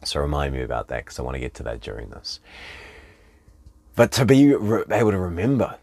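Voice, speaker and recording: A man coaching in a webinar talk, animated, acting out the people he quotes with big jumps in pitch. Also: a little fast, vocal fry, dry recording, clean studio sound. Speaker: relationship coach.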